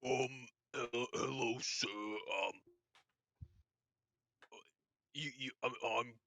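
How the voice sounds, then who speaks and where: Nervous stuttering orc smith voiced by a man, hesitant, bright tone, dry close sound, for a tabletop game. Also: medium pitch, steady tone, unhurried, no echo. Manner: stammering, hesitant.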